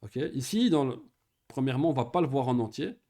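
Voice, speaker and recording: An Arabic teacher gives a patient, step-by-step one-on-one grammar lesson, pronouncing Arabic words slowly and often checking that his student is following. His mid-range voice is warm, with lively intonation.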